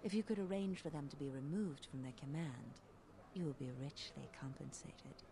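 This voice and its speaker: An actress playing a composed political conspirator in a video game, speaking in a measured, formal way. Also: female voice, deep voice, crowd noise. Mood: discreetly persuasive. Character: composed female political conspirator offering bribes. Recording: clear background game noise.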